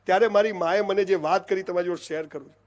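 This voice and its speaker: A man's voice: high-pitched, steady tone, fast, a little mellow. A middle-aged man with a Gujarati accent giving an emphatic motivational speech to an audience, often calling listeners "saheb" and "boss". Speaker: motivational speaker.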